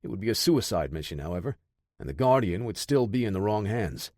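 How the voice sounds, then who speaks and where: A man narrating an action audiobook in a steady, dramatic storytelling manner. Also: on the low side, a little fast, no echo, studio quality. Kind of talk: scripted narration.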